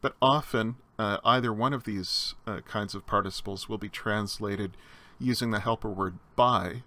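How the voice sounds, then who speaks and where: In a recorded slide lecture on Greek grammar, a man explains things step by step, often using fillers and restarting his sentences. His voice is lowish, pushed and bright, at a moderate pace.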